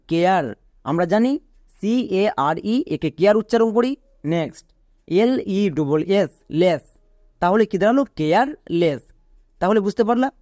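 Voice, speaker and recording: A man with a high voice teaches an English reading lesson. He explains each rule patiently and repeats it, and he spells words out slowly letter by letter. The sound is dry and close, with no room echo. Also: a little mellow. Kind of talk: online phonics lesson.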